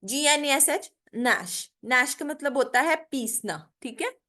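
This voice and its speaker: An animated woman with a high, pushed, bright voice leads an online spoken English lecture on pronunciation. She goes slowly and patiently, mixing Hindi into careful English, saying "theek hai" again and again as she checks in with students.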